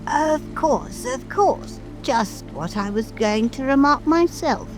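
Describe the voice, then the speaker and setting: Storybook dormouse female actor: high, dragging, drowsy, faintly impatient, music bed. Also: animated, slow pace. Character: sleepy, impatient little dormouse. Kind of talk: full-cast dramatic audiobook reading.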